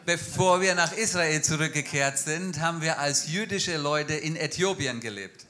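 A man interpreting a speaker line by line at a church, fluent and quick. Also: fairly high pitch, sharp tone. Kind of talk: live consecutive interpreting in a church.

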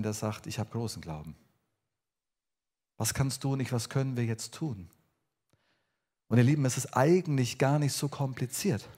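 A man preaching a sermon to his congregation, earnest and personal, swinging between emphatic lines and quiet ones. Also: a little high. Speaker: pastor.

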